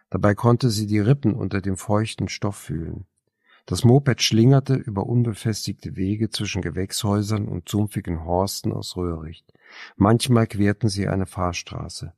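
A man narrating a novel as an audiobook, measured and even. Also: on the low side, gravelly, no echo, clean studio sound.

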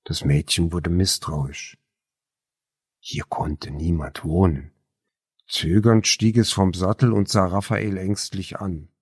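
A man narrating a novel as an audiobook, measured and even. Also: deep voice, husky, no room sound, studio quality.

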